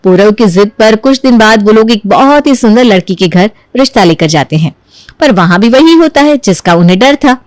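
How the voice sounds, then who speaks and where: A woman narrating a cartoon story in a lively storytelling manner. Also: fairly high pitch, moderate pace, no echo.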